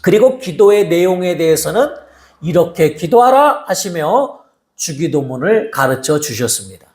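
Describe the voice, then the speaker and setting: High-voiced soft-spoken male pastor preaching. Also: normal speed, roomy sound. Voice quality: soft-spoken, by his own account. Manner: animated storytelling, acting out voices from the story. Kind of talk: sermon.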